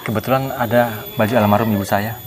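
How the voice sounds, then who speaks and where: An actor playing a humble, polite young farmhand who talks gently and comfortingly. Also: male voice, lowish voice, steady tone, fast, close to an everyday voice. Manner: soft-spoken, polite. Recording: music behind the voice.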